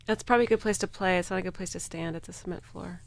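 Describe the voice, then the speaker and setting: A woman hosting a radio interview, upbeat and quick with short affirmations. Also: on the low side, steady tone, creaky, a crowd in the background. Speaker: radio host.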